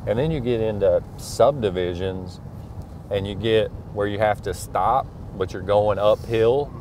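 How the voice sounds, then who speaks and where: Unhurried and darkish in tone, a middle-aged man with a voice on the low side chats casually as he drives his truck at night. He is a school superintendent thinking aloud with many fillers, and the faint sound of the engine and road is present.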